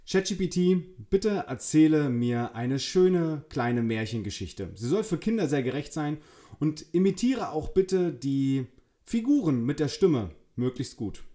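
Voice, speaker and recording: A man's voice: fairly high pitch, big pitch swings, unhurried, warm tone. A man hosting a demo video, enthusiastically giving spoken commands and commenting on the results. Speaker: host. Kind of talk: tech demo presentation.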